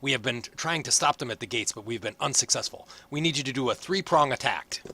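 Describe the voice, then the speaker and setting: Man playing an older advisor, loud and forceful. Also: medium pitch, fast, breathy edge, voice pushed up. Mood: earnest, urgent. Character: older male advisor, earnest military planner.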